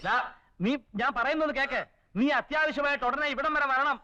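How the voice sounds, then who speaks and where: A man's voice: very high-pitched, fairly quick, sharp tone, highs cut off, exaggerated voice. An actor playing a stubborn family man who scolds his wife and bosses a friend on the phone, in a film drama. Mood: bossy. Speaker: head of the family, guardian of the children. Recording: film soundtrack with music under.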